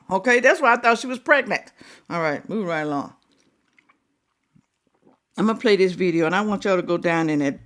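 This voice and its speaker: A woman with a mid-range voice hosts a reaction video, chatting casually while scolding with animated, drawn-out exclamations.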